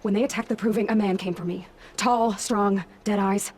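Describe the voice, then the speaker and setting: A woman's voice: mid-range voice, steady tone, normal speed, a little mellow, slightly rough, lightly acted. A woman playing a stern young huntress in a video game, terse, firm and determined. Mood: probing, firm. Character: stern young female huntress, determined interrogator, ultimately merciful. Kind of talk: dramatic video game acting. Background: faint background music.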